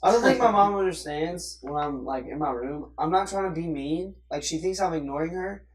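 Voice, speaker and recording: A teenage guy chatting casually with friends, telling stories animatedly and acting out quotes loudly. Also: on the high side, lively intonation, fairly quick, over a noisy crowd. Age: teens. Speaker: podcast co-host. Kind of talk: casual chat among friends.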